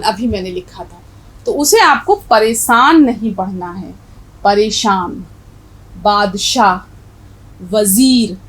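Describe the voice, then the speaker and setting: A woman Urdu teacher with a North Indian Urdu accent, explaining pronunciation as she spells words out slowly letter by letter. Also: on the high side, breathy edge, rough recording. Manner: stresses correct pronunciation, asks the viewer questions. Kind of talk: explaining a lesson.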